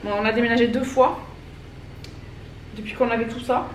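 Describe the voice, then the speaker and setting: A woman's voice: fairly high pitch, little pitch movement, normal speed. A woman in her thirties from France, chatting casually and rambling to camera at home while folding laundry. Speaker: vlogger. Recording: roomy echo, distant mic, background noise.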